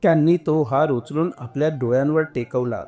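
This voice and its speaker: A man narrating an emotional story in a slow, earnest way. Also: a little high, dark tone, soft background music.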